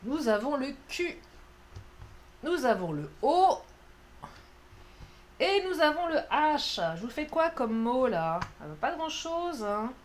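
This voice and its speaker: A woman's voice: a little high, slight background noise. A woman doing a casual, playful card reading, chatty and self-mocking with lots of fillers. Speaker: tarot card reader.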